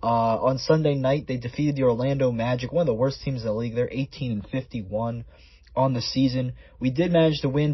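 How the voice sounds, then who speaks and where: A man's voice: medium pitch, breathy edge, dry recording. A man hosting a solo sports podcast in a conversational, stat-by-stat way, his voice sounding muffled and underwater. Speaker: podcast host.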